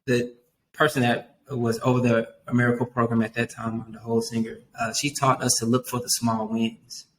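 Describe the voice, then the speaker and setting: A man's voice: mid-range voice, moderate pace, noisy background. Earnest man telling stories animatedly. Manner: earnest, animated storytelling, often says "man". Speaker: youth worker guest. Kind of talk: casual podcast interview.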